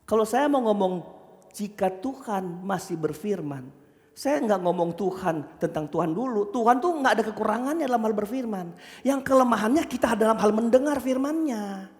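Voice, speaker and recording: A man preaching a sermon, acting out the characters in his stories with loud, animated shouts and asking the congregation questions. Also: high voice, fairly quick. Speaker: pastor. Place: church. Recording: church hall reverb.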